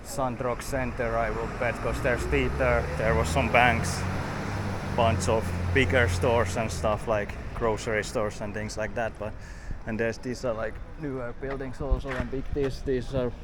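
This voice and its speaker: A man's voice: medium pitch, level tone, unhurried. A man from Finland, giving loose, rambling walking commentary outdoors on city streets, full of "like" and "uh". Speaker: travel vlogger. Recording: outdoor street noise, passing traffic.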